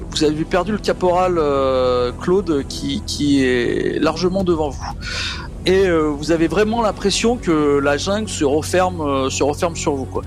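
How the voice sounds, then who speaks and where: A man improvising tabletop game narration as game master, in a hesitant, halting way, with music behind him. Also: on the high side, gravelly.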